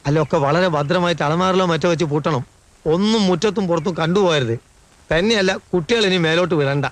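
A man's voice: on the high side, brisk, no echo, natural voice. An actor playing a jittery, gossiping male house servant who fusses and warns nervously in comic film dialogue. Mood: fretful warning. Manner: nervous, fussing and warning.

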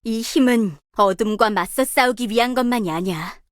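Voicing a young star guardian warrior who leads her team with confidence, this actress delivers determined, bold, commanding quips as video game character lines. Her voice is a little high, at a moderate pace, and close to how she'd sound in everyday speech.

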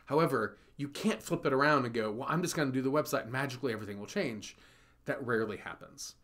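A man's voice: mid-range voice, fast, fairly bright tone. Chatty man giving business advice. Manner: conversational, emphatic, repeats for effect. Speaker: marketing agency host. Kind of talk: direct-to-camera business advice. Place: small office indoors.

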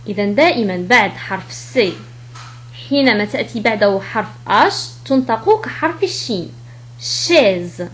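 A woman teaching French pronunciation in a lesson, explaining letter rules and repeating each example word slowly. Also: fairly high pitch.

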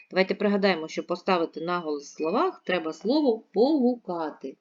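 A woman teacher giving a recorded lesson to young pupils, speaking slowly and repeating words carefully. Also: sits low, highs cut off. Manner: slow, careful, repeats words clearly for children. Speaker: primary school teacher.

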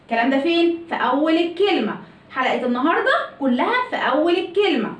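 A high, quick-talking woman with an Egyptian Arabic accent runs a pronunciation lesson. She keeps firing questions at her class and answering them herself. The sound is roomy and echoey, as if the mic sits some distance away. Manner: animated, asks and answers her own questions. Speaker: English pronunciation teacher. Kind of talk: lively video lesson.

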